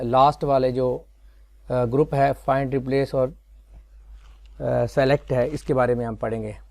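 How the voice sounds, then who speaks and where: A man explaining a computer tutorial step by step, unhurried and with many fillers. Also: medium pitch, creaky, a little mellow. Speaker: software tutorial teacher. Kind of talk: screen-recorded tutorial.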